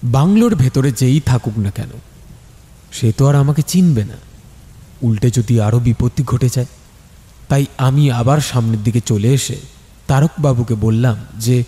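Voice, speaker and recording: In the first person, a man tells a scripted story with dramatic flair, his medium-pitched voice warm and his pace moderate. The studio adds a long reverb, and music plays in the background.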